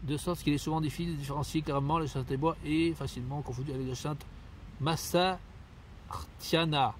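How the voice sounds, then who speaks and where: A man's voice: a little high, fairly even intonation, racing, a little mellow, slight background noise. A man recording outdoors in a sunny wood, reading out web pages and grumbling critically about them, with many fillers and restarts. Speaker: nature video maker.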